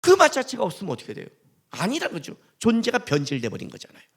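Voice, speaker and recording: A man's voice: high voice, fast talker. A male pastor preaching a sermon in a church, telling stories in casual everyday speech and joking with the congregation. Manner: animated, joking, colloquial storytelling with acted quotes.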